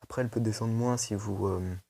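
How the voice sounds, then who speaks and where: Gravelly low-voiced young man. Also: steady tone, a little fast, mellow. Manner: chatty, loose slang, many fillers and restarts. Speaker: tech video host. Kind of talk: casual product review.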